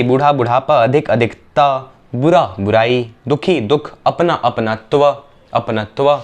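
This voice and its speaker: A young man teaching an exam revision lesson, briskly reading out word pairs and checking that the students follow. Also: mid-range voice. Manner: brisk, repetitive drilling with quick checks on the students.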